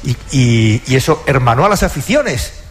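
A middle-aged man speaks at a mid pitch. He chats as a comedian guest on a talk show, joking and teasing himself. He sounds animated. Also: normal speed. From Castilla-La Mancha, Spain. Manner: jokey, self-mocking, animated. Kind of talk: casual talk show chat. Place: studio with live audience.

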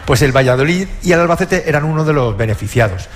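A man's voice: fairly high pitch, expressive, quick pace. Middle-aged man, talk-show guest comedian, jokey and self-mocking. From Castilla-La Mancha, Spain. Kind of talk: casual talk show chat. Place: studio with live audience.

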